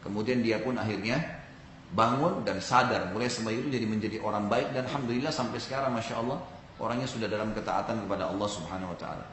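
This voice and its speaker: A man's voice: lowish voice, fast talker, a bit bright, echoey room, slight background noise, rough recording. A man from Indonesia giving an Islamic sermon, telling a story and speaking directly to his audience. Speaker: preacher.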